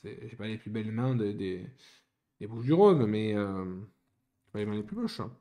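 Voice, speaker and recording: A man's voice: lowish voice, very animated, moderate pace, dark tone. A young man chatting casually while building Lego, rambling and often correcting himself.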